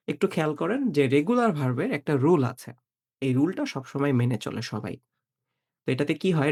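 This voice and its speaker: A man teaching a beginner German lesson, patiently explaining and slowly repeating example words. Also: fairly high pitch.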